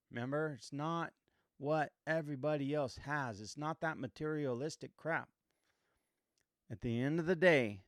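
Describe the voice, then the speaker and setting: A man's voice: medium pitch, no room sound, studio quality. A man in his fifties hosting a reflective motivational monologue, earnest and emphatic, repeating points and asking rhetorical questions. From United States. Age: 50s. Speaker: podcast host.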